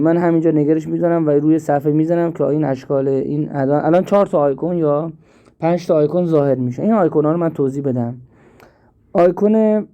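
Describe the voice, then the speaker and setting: A man teaching an app step by step, slowly and with repeats, in a screen-recorded tutorial. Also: fairly high pitch, dark tone. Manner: slow step-by-step explaining, repeats himself. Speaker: instructor.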